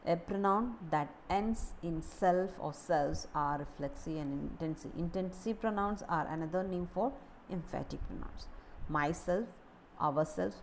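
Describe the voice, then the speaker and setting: Slow-speaking woman teaching grammar. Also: sits low, a little mellow, slight background noise, poor audio. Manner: deliberate, repeats key words, occasional restarts. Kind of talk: slow grammar lesson explanation.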